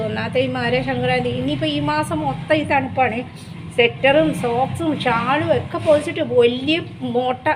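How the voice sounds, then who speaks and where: A woman chatting casually to her viewers about her home chores, often cooing to her pet dog in a high sing-song voice. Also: background noise. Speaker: vlogger. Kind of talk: casual home vlog chat.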